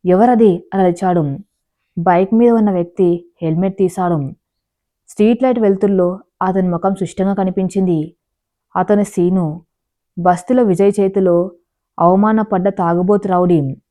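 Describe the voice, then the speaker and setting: A woman narrating a dramatic family story in a measured, even storytelling voice, reading the characters' lines too. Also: lowish voice.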